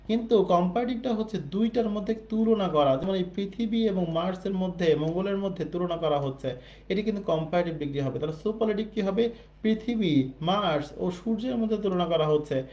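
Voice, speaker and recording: A male teacher in a recorded exam-prep lesson who explains patiently and repeats each point. He asks questions and answers them himself. His voice is mellow and a little high, and the recording sounds slightly dull and muffled. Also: fairly quick.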